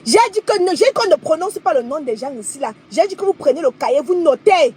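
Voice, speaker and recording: A young adult woman, talking on a livestream in an emphatic, declaiming way that swings between soft and loud. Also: sits high, lively intonation, fast. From Cameroon. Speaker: live streamer. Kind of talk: livestream monologue.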